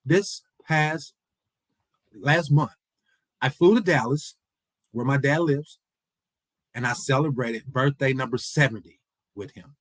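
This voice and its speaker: Speaking slowly and pausing often, this motivational speaker in his forties has a mid-range voice. He earnestly repeats his points and implores the audience at an event hall. There's no room sound, and the recording quality is rough.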